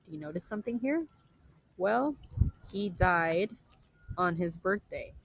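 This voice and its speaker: A young woman presenting a literature lesson for a class, explaining step by step, rephrasing often and clearing her throat now and then. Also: lowish voice, lively intonation, measured pace, no room sound, lo-fi sound. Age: young adult. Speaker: student presenter.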